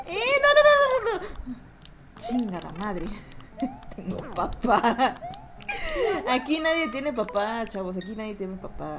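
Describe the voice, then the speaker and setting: A woman's voice: high-pitched, background noise. A young woman with a Mexican accent, streaming a game and chatting with her viewers, rowdy, swearing and laughing often. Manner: rowdy, swears and laughs a lot, reads chat aloud. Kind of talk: live gameplay stream chatting with chat.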